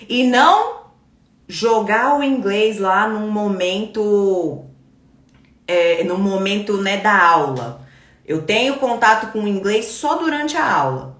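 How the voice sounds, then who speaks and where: Lady teaching english on a live stream, high bouncy voice, repeats stuff to make it stick, echoey room. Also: fairly bright tone. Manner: explanatory, repeats key phrases, slows for emphasis.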